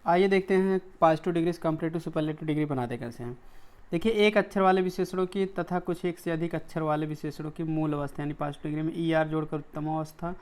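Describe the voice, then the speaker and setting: An Indian man teaching an English grammar lesson, walking through each rule and its examples. His voice is smooth and clear and sits a little higher than most men's. He keeps pausing to check that his students are following. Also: steady tone, darkish tone. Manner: explains step by step, often checking in with "ठीक है".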